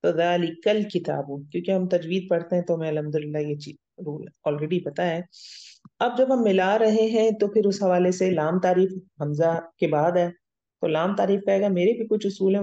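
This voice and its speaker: Female grammar lecturer, patient stepwise explainer, dark tone. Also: fairly low pitch. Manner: explains step by step, checks understanding with "theek hai?". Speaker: Arabic grammar teacher. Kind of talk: recorded classroom lecture. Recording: dull lo-fi audio.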